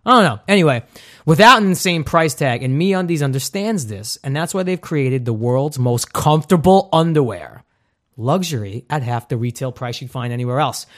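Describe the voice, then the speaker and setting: A man's voice: mid-range voice, lively intonation, normal speed. A man in his thirties hosting a podcast, chatting casually and joking through upbeat ad reads. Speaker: podcast host.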